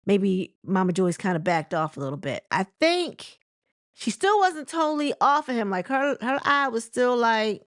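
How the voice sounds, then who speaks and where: A woman's voice: fairly high pitch, very animated, normal speed, no echo, studio quality. A woman chatting casually about celebrity gossip, rambling with lots of fillers and restarts. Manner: chatty and conversational. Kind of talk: casual commentary.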